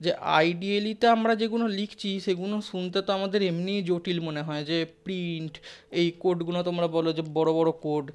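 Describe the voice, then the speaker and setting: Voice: medium pitch, steady tone, a little fast, clear, resonant tone. A teacher giving a live class lecture, talking conversationally, often checking in with listeners, asking the class questions and mixing in English terms. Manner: sprinkles English terms into the talk.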